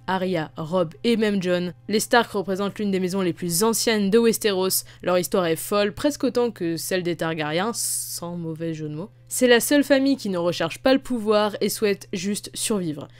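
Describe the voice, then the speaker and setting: A woman's voice: mid-range voice, darkish tone. Young woman, playful teasing commentary. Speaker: video host. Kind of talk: casual commentary on a fan poll. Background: faint music.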